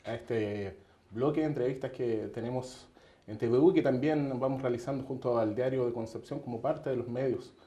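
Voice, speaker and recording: A man's voice: mid-range voice, normal speed, warm tone, reverberant. A man hosting a TV interview, talking conversationally with fillers.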